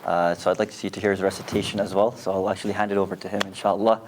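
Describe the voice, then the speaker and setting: A man, an imam, making quick informal remarks at a community event. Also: deep voice, level tone, background noise.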